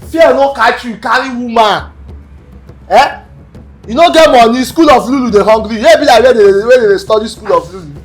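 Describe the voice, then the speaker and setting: A man's voice: very high voice, normal speed, faint music behind. A man playing a pushy, irritable creditor in a comedy skit, speaking scolding Nigerian Pidgin with a Nigerian accent. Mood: angry, threatening.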